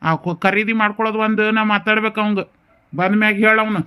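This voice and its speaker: A middle-aged village father, voiced by a man in a cartoon, stern but tender as he coaxes and reassures. His voice sits fairly high and he speaks with a North Karnataka Kannada accent. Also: little pitch movement, fast, bright, forceful tone, clear, resonant tone. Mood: soothing. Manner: coaxing and reassuring. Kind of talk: cartoon voice acting.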